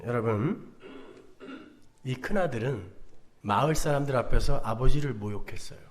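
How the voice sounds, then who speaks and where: A man's voice: mid-range voice, moderate pace. A male pastor preaching a dramatic sermon, asking rhetorical questions and acting out quotes.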